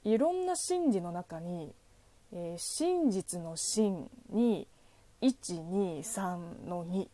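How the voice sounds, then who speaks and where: A woman's voice: fairly low pitch, expressive, very slow, mellow, no room sound. Playful woman with a Chinese accent. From China. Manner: playful, teasing asides to listeners. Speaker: podcast host. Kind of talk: solo podcast answering a listener letter.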